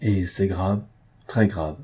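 Man reading a calm fatherly old doctor. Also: deep voice, takes it slowly, breathy edge, full character voice. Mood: grave.

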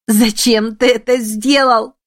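A woman's voice: mid-range voice, fairly even intonation, normal speed, husky, dry recording, close to an everyday voice. A woman voicing a young heroine who sobs and pleads in grief, close to hysteria. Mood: grieving. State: crying.

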